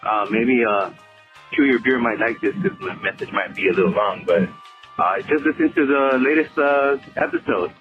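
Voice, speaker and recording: A man's voice: mid-range voice, moderate pace, soft background music. A man from California leaving a rambling voicemail for a podcast, heard over a landline phone line, with many hesitant fillers. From Oxnard, California, US. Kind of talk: casual phone message. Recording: dull lo-fi voicemail audio.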